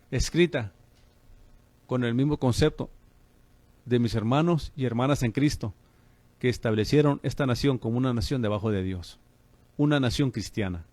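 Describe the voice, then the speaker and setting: A man's voice: mid-range voice, a little mellow, no room sound. A man preaching on the radio as a pastor and host, fervent and calling listeners brother.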